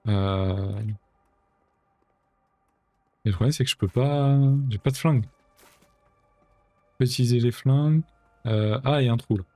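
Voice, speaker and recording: A man's voice: mid-range voice, unhurried, pauses often, warm tone, no room sound, soft background music. A man streaming a video game, chatting casually and thinking aloud to himself as he plays. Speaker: gaming streamer. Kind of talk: casual let's-play commentary.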